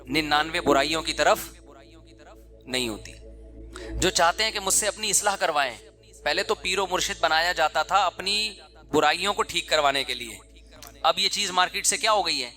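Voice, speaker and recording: A middle-aged male preacher talking to his listeners in a loose, conversational way. His voice sits high for a man and rings bright and forceful. He breaks into short acted quotes of ordinary people. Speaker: Islamic preacher. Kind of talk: sermon.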